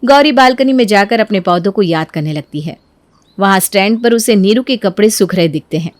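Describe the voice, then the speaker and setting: A woman narrating a family drama storybook in a steady scripted manner. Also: medium pitch, brisk, no room sound.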